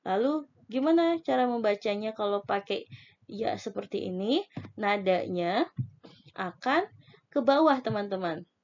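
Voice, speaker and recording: A woman with an Indonesian accent teaching a spelling lesson, slowly dictating and drawing out example words syllable by syllable. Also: medium pitch, expressive, darkish tone, lo-fi sound, slight background noise.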